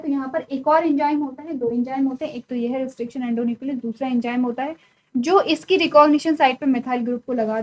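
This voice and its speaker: A woman's voice: high voice, a little mellow, low-quality recording. A woman teaching biology in a virtual classroom lecture, explaining step by step and answering her own questions. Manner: explains step by step, asks questions then answers them, frequent "ठीक है" check-ins. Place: studio classroom.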